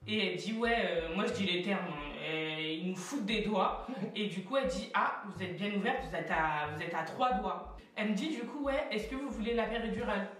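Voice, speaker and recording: A woman's voice: medium pitch, fairly bright tone, far from the mic. A young woman telling a story casually and animatedly, acting out the dialogue with plenty of slang. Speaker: vlogger telling her birth story. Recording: echoey room, voice from off-mic.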